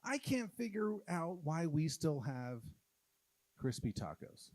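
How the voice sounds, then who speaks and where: A man from Oklahoma doing a stand-up comedy set on a live stage, talking in a halting, self-deprecating way with many "uh" fillers. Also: fairly high pitch, very animated, a little mellow, no echo. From Oklahoma, USA.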